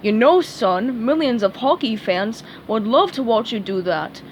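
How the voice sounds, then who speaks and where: A woman voicing a smooth-talking male sports agent in a storybook reading, slow and persuasive. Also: fairly high pitch, expressive, slight background noise, poor audio. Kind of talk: storybook read-aloud.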